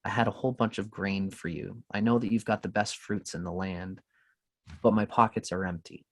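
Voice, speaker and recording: A man's voice: on the low side, fairly even intonation, normal speed, a bit bright, no room sound. A man voicing an apologetic young boy. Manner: apologetic, polite.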